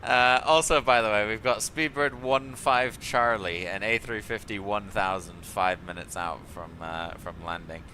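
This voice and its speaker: A man's voice: on the low side, fairly even intonation, measured pace, hardly any pauses, pushed and bright. A man streaming a flight simulator, chatting and joking with exasperation about ground crews and air traffic. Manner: chatty, exasperated, laughs often at the ground crew. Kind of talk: live-stream commentary.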